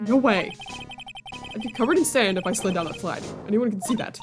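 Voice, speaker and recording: A woman's voice: medium pitch, lively intonation, a little fast. A woman hosting a let's-play, reading game dialogue aloud and commenting in a dry, casual way. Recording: music playing behind the voice.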